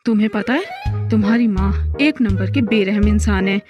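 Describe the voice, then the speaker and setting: A woman's voice: medium pitch, moderate pace, highs cut off, natural voice. A woman voicing a tired young father who grumbles and pleads to be left to rest, in a fan audio drama. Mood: exasperated. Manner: whiny complaining, pleading. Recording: background music under the voice. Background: loud background music.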